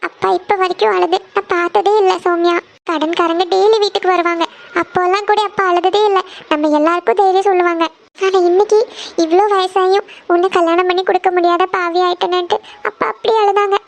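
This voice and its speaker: A woman's voice: very high-pitched, fairly even intonation, a little fast, vocal fry. A woman voicing a worried young cartoon woman, the eldest sister of a struggling family, who is crying as she pours out her family's troubles in a pleading way. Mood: tearful, worried. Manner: tearful, pleading, dwells on family hardship. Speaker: elder sister who gives tuition lessons.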